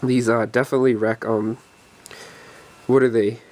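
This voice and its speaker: A deck profile host, a young man fighting a cold, talks at a moderate pace in a medium-pitched, darkish voice with a level tone. Sounding congested and winded, he meanders through a casual card deck walkthrough, often saying um and starting over.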